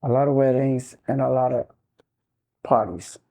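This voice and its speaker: A man's voice: mid-range voice, fairly even intonation, normal speed, mellow. A man answering questions as an interviewee, offering recollections for an oral history.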